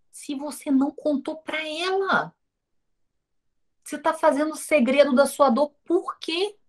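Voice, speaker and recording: A Brazilian woman teaching an online course. She talks straight to her viewers, with rhetorical questions and quoted dialogue from her own stories. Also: sits high. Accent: Brazilian Portuguese. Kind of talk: informal recorded lesson.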